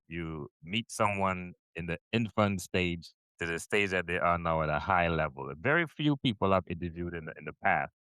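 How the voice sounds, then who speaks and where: A man's voice: on the low side, sharp tone, clean tone, no room sound. A middle-aged Trinidadian man hosting a podcast interview, chatty and upbeat, with lots of fillers and repeated words. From Trinidad and Tobago. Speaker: podcast host. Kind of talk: casual interview chat.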